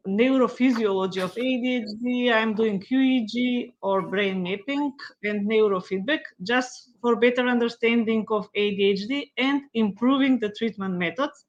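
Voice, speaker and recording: A woman's voice: fairly high pitch, normal speed, few pauses, muffled recording. A woman from North Macedonia, a psychiatrist, introduces herself earnestly on an online panel over a video call.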